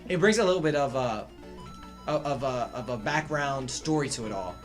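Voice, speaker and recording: A man co-hosting a casual video game chat, excitable and stammering, full of jokes. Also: mid-range voice, moderate pace, soft background music. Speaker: co-host of a gaming channel.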